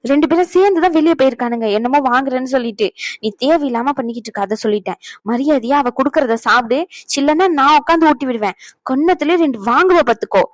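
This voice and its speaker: Cartoon mother, stern and nagging, fast high scolding, voiced by a woman. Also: dry recording, natural voice. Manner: scolding, nagging, rapid-fire. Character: strict scolding young mother, a doctor.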